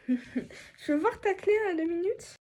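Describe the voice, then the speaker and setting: A woman's voice: very high-pitched, expressive, takes it slowly, darkish tone, voice pushed up, full character voice. A woman playing a teasing teenage girl classmate in a comedy skit, with a sing-song mocking manner. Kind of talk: comedy skit role-play.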